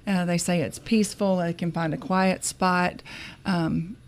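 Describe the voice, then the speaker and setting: Low-voiced woman guest, friendly, kinda halting, lots of uh and um. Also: steady tone, a little hiss or hum. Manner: hesitant, many fillers, friendly. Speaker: university staff guest. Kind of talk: casual interview chat.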